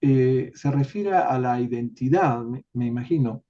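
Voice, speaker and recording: A man leading an online study group, explaining a text in an unhurried way with many tag questions, over a video call. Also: medium pitch, warm tone. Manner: unhurried, adds filler tags and restarts. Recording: dull lo-fi call audio.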